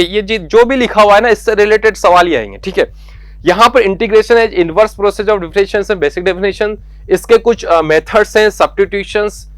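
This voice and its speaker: A male maths teacher, his voice sitting high for a man. He talks students through the syllabus in a coaxing way and repeats each point. The sound is close and dry. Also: a bit bright, no echo. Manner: coaxing, repeats key points, calls students beta and yaar. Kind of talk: exam syllabus lesson.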